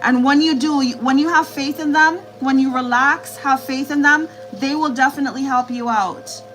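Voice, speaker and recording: Woman, high voice, live tarot reader; reassuring, repetitive delivery over faint music. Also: steady tone, moderate pace, fairly bright tone, low-quality recording. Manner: repetitive, reassuring, relays spirit messages. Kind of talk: live-stream tarot reading.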